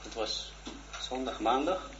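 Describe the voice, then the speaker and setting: A man in his forties, a religious teacher, giving a shy, earnest personal testimony in a lesson, halting and full of restarts. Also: mid-range voice, lively intonation. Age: 40s. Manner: halting, hesitant, with many restarts. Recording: dull lo-fi recording with faint noise.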